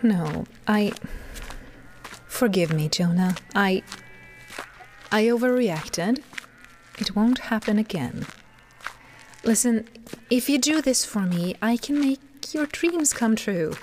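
A woman's voice: mid-range voice, expressive, slow pace, pauses often, darkish tone, a little hiss or hum. A woman playing a disembodied, commanding voice of God who narrates and coaxes in an audio drama. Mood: coaxing.

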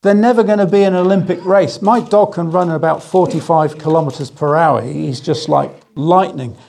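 A middle-aged man preaching a sermon, telling stories with gentle humour and slowing down on key phrases. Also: fairly high pitch, vocal fry. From England. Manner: storytelling with gentle humour, slow emphatic phrases. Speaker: guest speaker.

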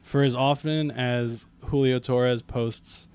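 A man's voice: mid-range voice, steady tone, slow, a little mellow, smooth. A man co-hosting a casual podcast who chimes in with trivia and corrections. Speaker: podcast co-host.

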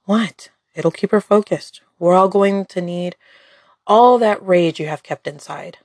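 A woman's voice: lowish voice, unhurried, darkish tone, dry recording, clean studio sound. A woman voicing a playful, smug male gangster with a needling manner in an audio drama story. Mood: smug teasing.

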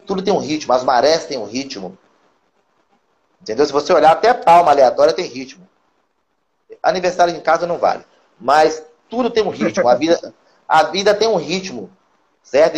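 Animated Brazilian man, high-pitched. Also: highs cut off. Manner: animated, coaching, acts out quotes. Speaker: guest psychoanalyst and musician. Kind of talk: casual live-stream interview.

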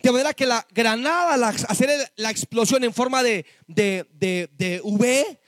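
A man giving an impassioned testimony sermon to a church congregation, addressing them as brothers and rising to shouted exhortation. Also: extremely high pitch, unhurried, no echo, clean studio sound. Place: church service before a congregation.

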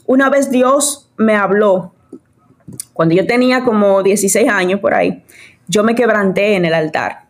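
A woman's voice: mid-range voice, normal speed. A woman, passionately telling her story as an evangelist guest. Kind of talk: casual testimony chat.

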